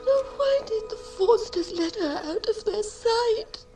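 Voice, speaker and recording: A woman's voice: very high-pitched, animated, measured pace, over music, heavily acted. An actress playing a fretful middle-aged mother of five daughters, fussy and hysterical and close to tears, in a period film. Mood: distraught.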